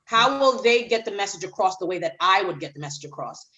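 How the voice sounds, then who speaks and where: A woman's voice: medium pitch, expressive, quick pace, a bit bright, poor audio. Emphatic woman author from Haiti. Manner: emphatic, repeats phrases for emphasis. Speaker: children's author, guest. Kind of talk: podcast interview.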